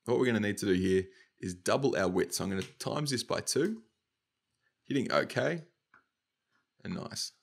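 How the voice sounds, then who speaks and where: A young Australian man with a slightly nasal, stuffy voice, casually talking through a software tutorial step by step. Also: lowish voice, lively intonation, normal speed, vocal fry, pauses often, breathy edge. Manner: casual, upbeat, talks through each click. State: nasal from hay fever. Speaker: motion design tutor.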